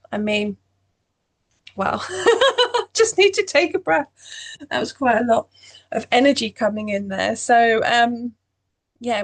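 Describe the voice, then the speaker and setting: A woman giving a meandering spiritual astrology talk, full of "you know" fillers. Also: on the high side. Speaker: astrology channel host.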